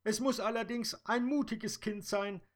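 A man voicing a tearful female dream fairy in a high, lamenting storybook voice. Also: fairly even intonation, measured pace.

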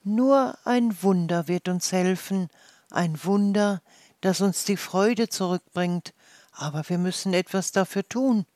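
A kindly storybook forest fairy, put on by the reader, speaking softly and slowly in a half-whisper. The voice sits a little higher than the narration, gentle and soothing, and the recording is close and dry. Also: dry recording, natural voice. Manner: soft, murmuring and half-whispered.

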